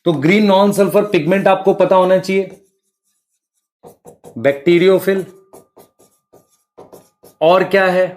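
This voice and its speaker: A male biology teacher, explaining at the board and quizzing students with rhetorical questions. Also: high voice. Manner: addresses students as beta and bhai.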